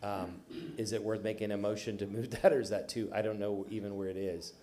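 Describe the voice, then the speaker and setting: A man on a city council, questioning staff at a public budget hearing in a halting way, with many restarts. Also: on the low side, steady tone, warm tone. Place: council chamber.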